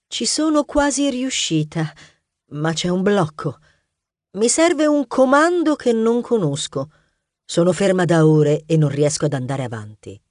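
A confident lady agent mouse, put on by a man in a storybook recording. She speaks crisply and with assurance, her pitch moving about lively. The sound is close and dry. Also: measured pace, dry recording. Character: confident female secret-agent mouse programmer. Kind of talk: audiobook character voice.

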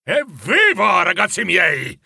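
A man voicing a jolly, stout old male merchant who shouts with excited delight in a storybook reading. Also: on the high side, a little fast, gravelly, breathy edge, dry recording, studio quality, exaggerated voice. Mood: jubilant.

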